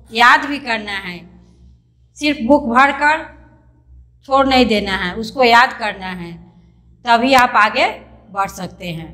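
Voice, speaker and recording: A woman's voice: fairly high pitch, sharp tone. A woman teacher giving an online lesson to young children. She is patient and repeats herself often, spelling out words letter by letter. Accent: Indian, Hindi. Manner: patient and repetitive, calls pupils "beta", spells words out letter by letter. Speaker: primary school teacher.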